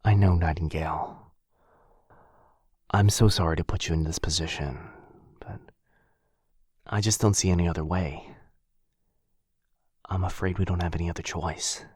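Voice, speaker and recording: Somber and apologetic, a male actor voices a brooding vampire lord who is protective of the listener in intimate boyfriend ASMR fantasy roleplay, one-sided throughout. His low, gravelly delivery is hushed, measured and halting, with fairly even intonation and frequent dips into a breathy murmur. He is recorded dry and close to the mic.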